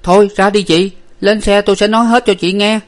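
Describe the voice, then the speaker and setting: Man voicing a jumpy, high-pitched young servant. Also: fairly even intonation, brisk, natural voice. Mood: urgent. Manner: high, urgent, shouting. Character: young male servant, excitable and timid.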